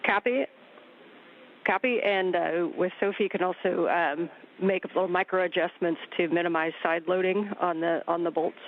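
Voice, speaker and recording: A man with a high voice speaks over a thin, narrowband radio. He gives formal, clipped readbacks as a mission communicator, sci-fi style. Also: steady tone, normal speed. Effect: radio link.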